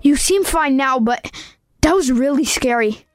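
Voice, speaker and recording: A woman's voice: high-pitched, animated, unhurried, dry recording, soft background music. A woman voicing a young boy who is earnest and protective of his sister. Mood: concerned. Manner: earnest, concerned.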